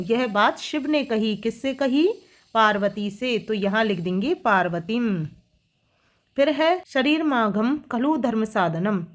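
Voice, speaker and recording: Patient woman teacher explaining to children. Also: a little high. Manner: reads each line slowly, then explains it. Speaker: school teacher. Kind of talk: solving textbook exercises for children.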